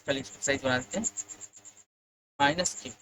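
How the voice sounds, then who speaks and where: A man's voice: medium pitch, normal speed, pushed and bright, a little hiss or hum, low-quality recording. A male physics teacher leading an exam lesson. He keeps asking his students questions and then answers them himself.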